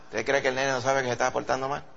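A man preaching a sermon with a Puerto Rican accent, animated and acting out quoted voices. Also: rapid-fire, creaky. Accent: Puerto Rican Spanish. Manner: animated, acts out quoted voices in a high pitch. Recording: dull lo-fi sound.

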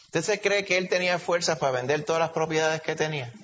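A man's voice: on the high side, fast talker, a bit bright. A man with a Puerto Rican accent preaching a sermon in a conversational way, often asking his congregation questions. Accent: Puerto Rican Spanish. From Puerto Rico. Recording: dull lo-fi recording with long reverb and faint hiss.

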